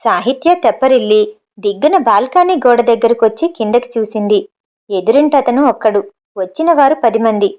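A woman narrates an audiobook novel in a steady storytelling manner. Her voice sits fairly high. The recording is muffled and lo-fi. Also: moderate pace.

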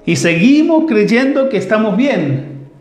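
A man's voice: high voice, very animated, slow pace, a little mellow, roomy sound, faint music behind. A man preaching a sermon as pastor, emphatic and full of rhetorical questions.

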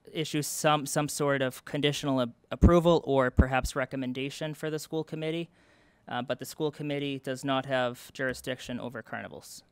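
Speaking for the event committee, a young man addresses a town board during a public meeting in the town hall meeting room. He explains things earnestly, stumbling through plenty of fillers and restarts, in a clean, mid-range voice without echo.

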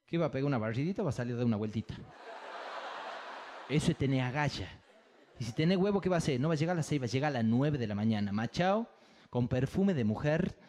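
A man's voice: fairly high pitch, darkish tone. A man doing live stand-up on a theater stage, telling bawdy stories into a stage microphone with a punchy rhythm. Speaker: stand-up comedian.

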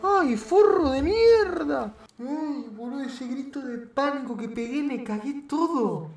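A man with an Argentine Rioplatense accent giving let's-play commentary, excitable, swearing a lot and shrieking at scares. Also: very high-pitched, measured pace. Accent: Argentine Rioplatense Spanish. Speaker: gamer.

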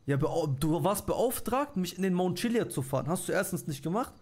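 A man's voice: high voice, lively intonation, fairly quick, a little mellow. A young man in a heated argument over a roleplay game, insistent and complaining. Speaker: roleplay player.

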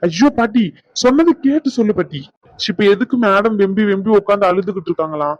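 A man's voice: high voice, expressive, brisk, no room sound. A man voicing an exasperated young husband, a doctor, who pleads and complains to his grandmother about his wife. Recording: dull lo-fi.

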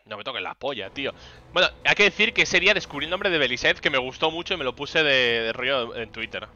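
A man's voice: mid-range voice, animated, fast talker, pushed and bright, lo-fi sound. A young man with a Spain Spanish accent, chatting animatedly on a live game stream, telling an exasperated story and swearing often. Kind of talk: casual live-stream chat while gaming.

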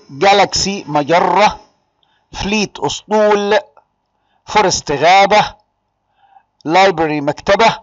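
A man with an Egyptian Arabic accent and a fairly high voice teaches an online exam-prep class. He is lively and calls on his students by name. The sound is dry and a little dull. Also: dry recording. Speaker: English teacher.

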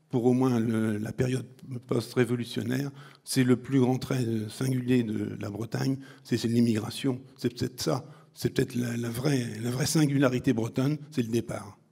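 A man who is an author speaking at a public talk, halting and restarting mid-phrase. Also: mid-range voice, gravelly, warm tone, slightly rough.

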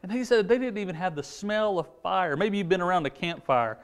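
A man in his forties telling a Bible story to children at a pulpit, animated, with frequent restarts. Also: high voice, brisk, clean tone. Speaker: junior church preacher. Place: indoor studio set at a pulpit.

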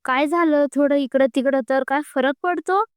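A woman voicing a relaxed, teasing male friend who soothes and jokes. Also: high-pitched, normal speed, dry recording, studio quality, lightly acted. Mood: coaxing. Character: easygoing teasing man, jokey friend.

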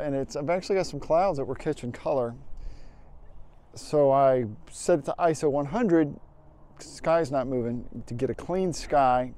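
A man in his fifties with a relaxed, warm, darkish voice explains his photography plans on a windy outdoor hilltop. He talks into a lapel mic in an easygoing vlog manner, with fillers and restarts as he thinks aloud. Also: medium pitch. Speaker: landscape photographer. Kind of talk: casual vlog explaining camera settings.

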